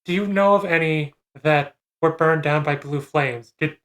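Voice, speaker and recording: A woman playing a tabletop role-playing game, asking earnest, halting questions in character. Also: low voice. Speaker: player.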